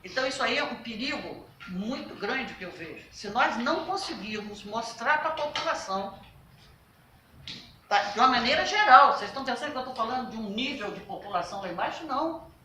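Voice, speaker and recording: Woman council member giving a loud emphatic talk, bright forceful voice, lots of "right?" questions, echoey room, mic far off. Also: fairly high pitch, lively intonation, brisk, slight background noise. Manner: emphatic, with rhetorical questions and tag "tá?"; speaks loudly and forcefully. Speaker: national health council member. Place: workshop meeting room. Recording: roomy, from a distance.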